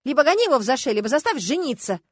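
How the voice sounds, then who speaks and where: A woman voicing a brash, bossy young woman friend who talks loud and excitable. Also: sits high, a little fast, no room sound, voice pushed up. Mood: excited, scolding.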